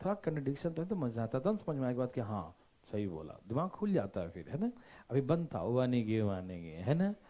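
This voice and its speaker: A man's voice: medium pitch, big pitch swings, fairly quick, dark tone. A man teaching a math lesson, playful and constantly checking whether his listeners follow. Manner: playful, joking asides. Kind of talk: classroom lecture.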